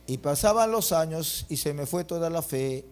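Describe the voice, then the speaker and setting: A middle-aged man preaching a fiery sermon as pastor, breaking into loud bursts and acting out quotes. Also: on the high side, expressive, normal speed.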